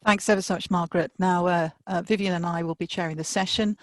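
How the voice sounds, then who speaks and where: A woman's voice: lowish voice, steady tone, fast, no room sound. A woman co-chairing an online conference, doing informal introductions and housekeeping in a chatty, hesitant way over a video call. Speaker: conference co-chair and session host. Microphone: video call microphone.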